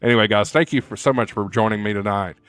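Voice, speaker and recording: A man's voice: on the low side, steady tone, quick pace, a bit bright, clean tone, no room sound, faint music behind. A man hosting a casual live stream, chatting loosely with many fillers and reading viewer comments aloud.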